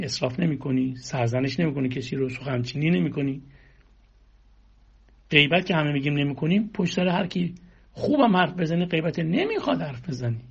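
Gravelly, husky male preacher. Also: fairly high pitch, highs cut off. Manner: exhorting, fires rhetorical questions and long lists. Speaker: religious speaker. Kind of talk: spiritual sermon.

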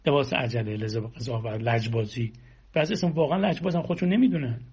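A man's voice: medium pitch, darkish tone, breathy edge. A man giving a spiritual sermon, exhorting listeners with rhetorical questions and long lists, on a dull lo-fi recording. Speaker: religious speaker.

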